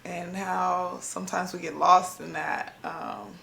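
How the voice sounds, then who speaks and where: A woman from Ohio sharing a reflective faith talk on her vlog, speaking slowly and haltingly with many pauses and fillers, emotional and near tears. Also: lowish voice, flat delivery, creaky, sharp tone, echoey room, slight background noise. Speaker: vlogger.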